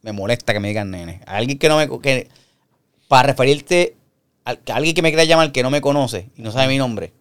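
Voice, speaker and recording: A man with a Puerto Rican accent in casual chat, animated and quick to act out quoted voices. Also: mid-range voice, clean tone. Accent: Puerto Rican Spanish.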